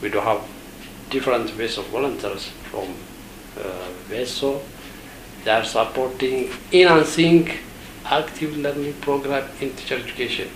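A man's voice: mid-range voice, noisy background. Hesitant man in an echoey room. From Ethiopia. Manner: hesitant, many pauses and fillers. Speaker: education official, interview guest. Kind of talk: halting interview answers.

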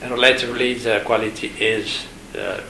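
A man from Ethiopia, an education official, giving halting interview answers with many pauses and fillers. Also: mid-range voice, flat delivery, pushed and bright, roomy sound, slight background noise, poor audio.

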